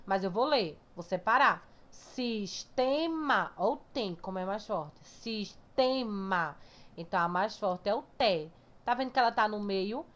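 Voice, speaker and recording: A woman teacher explaining a grammar lesson step by step to her pupils, often checking understanding with short tag questions and slowly drawing out words as she sounds out their syllables. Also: mid-range voice, animated, a bit bright. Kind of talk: recorded remote class lesson. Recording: dull lo-fi recording.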